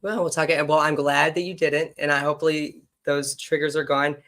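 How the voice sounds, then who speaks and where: A man's voice: on the high side, little pitch movement, normal speed, fairly bright tone. A man hosting a casual podcast conversation, chatty, blunt and teasing with his guest. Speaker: podcast host.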